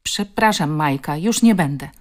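Tall mocking schoolboy bully, voiced by a woman reader, loud, taunting, spiteful. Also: fairly low pitch, big pitch swings, unhurried. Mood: whiny. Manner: jeering, taunting, shouting.

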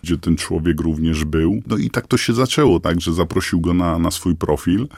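Disguised deep gravelly man, halting. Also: a little mellow, no echo. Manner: halting, many fillers and restarts. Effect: voice disguised, pitched down. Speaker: anonymous father interviewed on radio. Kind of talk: hesitant interview answers.

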